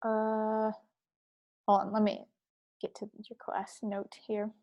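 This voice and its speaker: A woman's voice: medium pitch, completely flat delivery, slow pace, a little mellow. A woman teaching a university class over a video call. She talks casually and rambles, with lots of fillers and playful asides. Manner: chatty, rambling, many fillers; playful, sings snatches. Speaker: university instructor. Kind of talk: casual online lecture. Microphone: computer mic on video call.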